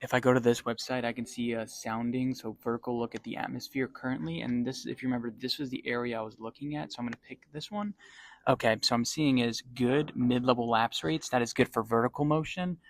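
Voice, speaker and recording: A man talking in a hushed, low voice in a library, casually explaining things as a weather vlogger. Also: steady tone, brisk, no echo. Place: indoors in a library.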